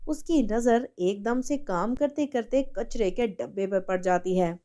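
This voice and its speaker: A woman tells a cartoon story in a steady, even narration. Her voice is a little high and has a mellow, unbright tone. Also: unhurried.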